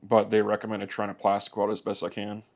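Working at his bench indoors, a motorcycle repair demonstrator explains how to weld plastic in a casual, no-frills way. His fairly low voice stays monotone and quick, with some vocal fry.

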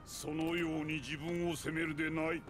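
An actor playing an old king and sworn guardian in a video game, speaking gravely in archaic old-man speech. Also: on the high side, flat delivery, normal speed, slight background noise, close to an everyday voice. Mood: solemn, regretful. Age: older. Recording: music playing behind the voice.

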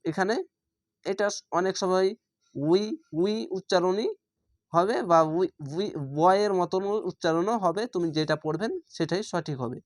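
A man teaching how to recite a short chapter, stretching each verse slowly and then explaining the pronunciation rules. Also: high-pitched, no room sound. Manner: slow drawn-out recitation alternating with plain explanation. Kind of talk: tajweed lesson for learners.

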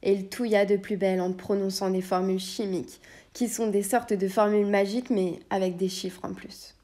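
A woman reading a children's audiobook aloud, telling the story in a lively way. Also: medium pitch, moderate pace. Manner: lively storytelling with many voices. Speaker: audiobook narrator. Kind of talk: scripted narration.

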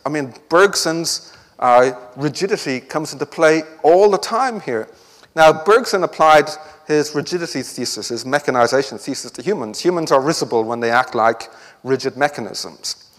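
A man's voice: medium pitch, in a large hall. A man giving an academic conference talk with a wry, joking delivery. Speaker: conference speaker. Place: lecture hall.

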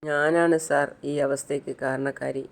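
A man's voice: medium pitch, level tone, measured pace, vocal fry. A man voicing a grieving poor mother who pleads tearfully at her sick daughter's bedside. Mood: self-blaming. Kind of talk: retold serial drama.

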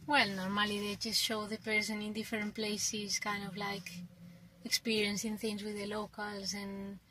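A woman's voice: mid-range voice, monotone, moderate pace, bright, forceful tone, slight background noise, rough recording. Chatty woman co-hosting a podcast. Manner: chatty, laughs easily, trailing hesitant phrasing. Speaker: podcast co-host. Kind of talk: casual conversational chat.

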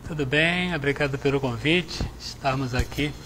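A middle-aged man, a Jesuit priest from Salvador, answering interview questions in a measured, reflective way on a lapel mic in a TV studio. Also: medium pitch, background noise. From Salvador, Bahia, Brazil. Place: TV studio with chapel set.

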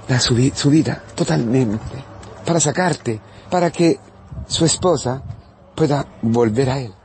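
A priest preaching a sermon in Spanish, swinging between loud outbursts and hushed words and repeating phrases for emphasis. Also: male voice, on the high side, a little hiss or hum. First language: Italian.

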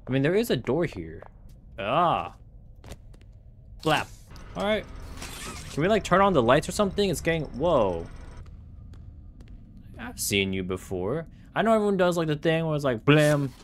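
A young man running a gaming channel chats casually through a horror game let's play, reading signs out loud and reacting with startled outbursts. His voice is a little high and very animated, a bit slow with long pauses, with slight background noise.

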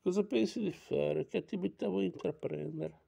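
A man's voice: sits high, normal speed, creaky, dark tone, heavily acted. A man voicing a firm, questioning frontier lawyer in an audiobook reading. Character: stern frontier lawyer, middle-aged man.

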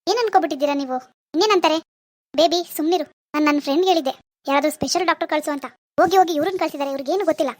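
A woman's voice: high voice, rapid-fire, no room sound, close to an everyday voice. A woman voicing a rich, haughty mother in a cartoon, talking in a scornful, dismissive way. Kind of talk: Kannada cartoon drama voicing.

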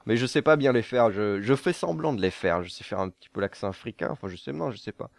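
A young man from southern France answers viewer questions to camera in a casual, jokey manner. His voice is fairly low, expressive, gravelly and quick, with no room sound, and he laughs at his own jokes and stumbles over fillers.

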